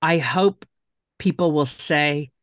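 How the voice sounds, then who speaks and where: A middle-aged woman, an author who also sits on a city council, speaks as a guest in an earnest interview. Her low voice moves at a slow pace, and she sounds emphatic and heartfelt, repeating phrases to stress her points. The recording is studio quality with no room sound.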